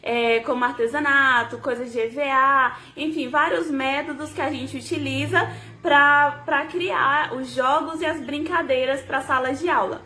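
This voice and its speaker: A young woman with a high, bright voice explains to parents how to teach a child to read. She talks in a patient, casual tutorial style, slowing down to sound out each syllable. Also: fairly even intonation. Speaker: educator giving parenting tips.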